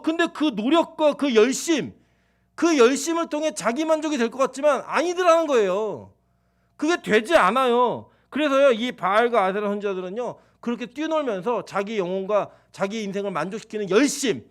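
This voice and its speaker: Male pastor, high and lively voice, chatty preaching style with acted-out quotes. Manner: animated, conversational preaching with playful acted-out quotes. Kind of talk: sermon.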